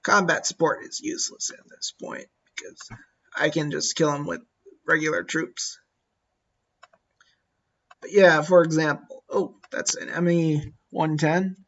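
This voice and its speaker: A man's voice: a little high, a bit bright, dull audio. A man giving casual, musing commentary on a strategy game and talking to his units as he plays. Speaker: gameplay commentator.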